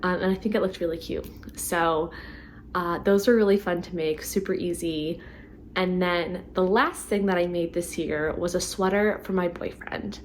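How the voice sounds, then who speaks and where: A woman vlogging about her knitting in a chatty way, full of ums and likes, a little hoarse as she is losing her voice. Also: lowish voice, steady tone, normal speed, a little hiss or hum. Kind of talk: casual chat to camera.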